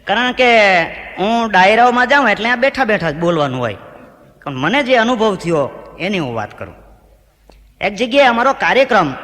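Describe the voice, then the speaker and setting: A man doing stand-up, telling Gujarati folk jokes to a live audience and shouting out the lines of the people in his stories. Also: sits high, in a large hall. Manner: animated joke-telling, shouts out the heckler's lines. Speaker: stand-up comedian.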